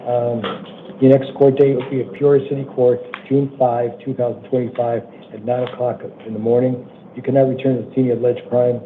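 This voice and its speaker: Over tinny, phone-like courtroom audio with faint noise, an American man presides as judge at initial appearance hearings, going through charges and release terms. His mid-range voice is weak that day and barely moves in pitch. He speaks plainly and informally, halting to check repeatedly that he's understood.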